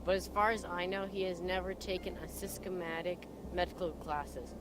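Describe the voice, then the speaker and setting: A woman's voice: fairly low pitch, steady tone, moderate pace, background noise, close to an everyday voice. Woman playing a chatty young man explaining things. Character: chatty, helpful young man who makes introductions. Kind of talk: amateur drama reading. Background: background music.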